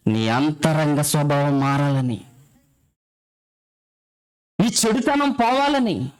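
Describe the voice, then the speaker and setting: A high-pitched man preaches with a smooth, ringing voice. He asks his listeners question after question and hammers his points home through repetition. Brisk explaining gives way to slow, stretched-out scripture lines. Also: expressive, rough recording. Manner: asks many rhetorical questions and repeats phrases for emphasis; shifts between quick explaining and slow drawn-out scripture reading. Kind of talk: sermon.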